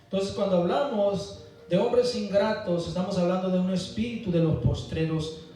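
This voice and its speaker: A man with a high, mellow voice preaches emphatically to his congregation, pausing for amens. He is picked up from a distance in a very echoey church hall, so his words ring around the room. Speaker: pastor. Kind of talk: Sunday school sermon.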